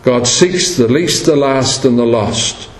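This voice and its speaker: A man's voice: mid-range voice, slow pace. A man preaching a sermon, telling stories and acting out the voices of the people in them. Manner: storytelling, acts out quoted voices. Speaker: pastor. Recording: echoey room with faint background noise.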